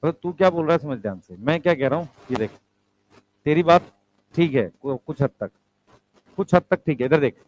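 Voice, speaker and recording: A man's voice: on the high side, expressive, a little fast, long pauses, rough recording. A male teacher giving a classroom lecture, explaining step by step, asking the students questions and calling them beta and bhai.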